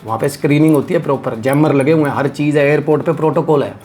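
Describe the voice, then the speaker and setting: A man's voice: on the high side, quick pace. A young man animatedly retelling a fisherman's ghost encounter on a horror podcast, swearing freely. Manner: animated retelling of another man's account, frequent swearing. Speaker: storyteller.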